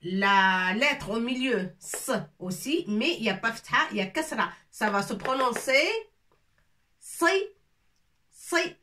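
A woman teaches letter sounds slowly, repeating each one and checking that students follow. Her voice is bright and slightly high. She sounds set back from the microphone. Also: slight background noise. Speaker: Arabic teacher. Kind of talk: slow whiteboard language lesson. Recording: voice from a distance.

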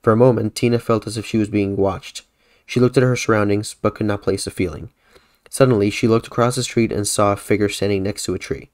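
A man's voice: on the low side, fairly even intonation, brisk, a little mellow. A man hosting a podcast who reads his own horror story aloud in a casual way, often correcting himself. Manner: casual, self-correcting reading. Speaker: podcast host.

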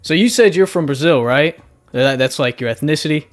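A man's voice: on the high side, brisk, soft background music. A man with a Southern US accent, a dating show contestant who rambles and gets sidetracked in casual voice chat. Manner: rambling, talkative, easily sidetracked.

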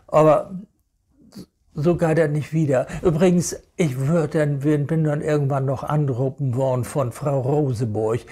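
A man with a Hamburg Low German accent, talking in a casual, rambling monologue and sounding indignant. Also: warm tone. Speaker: vlogger.

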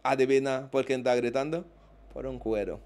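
A man's voice: medium pitch, steady tone, moderate pace, darkish tone. A man with a Dominican accent, a guest in a casual interview, telling stories with animation and acting out the voices of the people he quotes.

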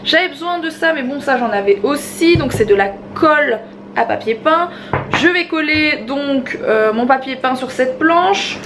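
A family vlogger in her twenties chats casually to a camera held at arm's length in a small room at home. Her voice is high-pitched and expressive, a little slow, with a slight lisp and slushy sibilants, and there's noise in the background.

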